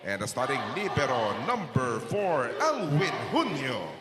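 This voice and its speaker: A man working as an arena announcer, making formal introductions and drawing out names with emphatic, booming shouts. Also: sing-song, measured pace. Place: large indoor sports arena over PA. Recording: echoey sports hall with loud crowd noise.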